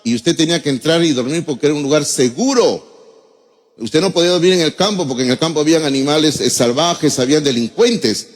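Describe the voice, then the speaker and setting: A middle-aged man with a Peruvian Spanish accent preaching a sermon as pastor, emotional and addressing listeners as brother. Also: high-pitched. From Peru. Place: church hall. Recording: long church reverb.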